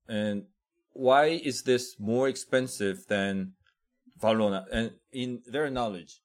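A man from South Korea with a Korean accent, speaking English as a second language, answering interview questions in a halting way as he searches for words. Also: mid-range voice. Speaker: chocolate shop owner, guest.

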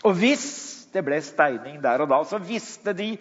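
A man preaching in a dramatic storytelling style, slowing down and dropping low for emphasis. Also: animated, slight background noise. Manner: slows down and drops low for emphasis. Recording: dull sound in a long-echo hall.

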